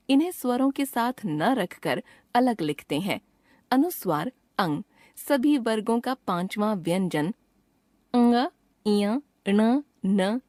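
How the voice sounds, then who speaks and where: Slow, careful woman teacher reading a lesson. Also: mid-range voice, darkish tone, dry recording, studio quality. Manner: slow, careful, spells out each letter and example. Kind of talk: scripted lesson narration.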